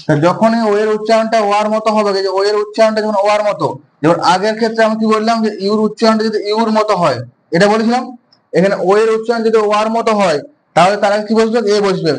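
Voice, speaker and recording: High-voiced man teaching grammar. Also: steady tone, fast, slight background noise, rough recording. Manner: repeats questions and answers them himself. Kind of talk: classroom lesson explanation.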